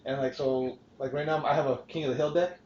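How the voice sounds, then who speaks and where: A man's voice: mid-range voice, steady tone, quick pace, darkish tone, slight background noise. Rambling, profane man hosting a podcast. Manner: rambling, swears freely, frequent restarts. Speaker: podcast host. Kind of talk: casual podcast chat. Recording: roomy, dull lo-fi podcast recording.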